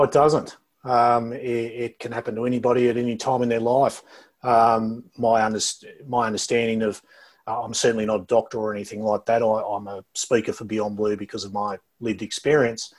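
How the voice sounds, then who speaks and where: A middle-aged Australian man speaking as an interview guest over a low-quality video call, talking in a halting way and often repeating words before going on. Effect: low-quality video call audio. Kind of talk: casual interview talk.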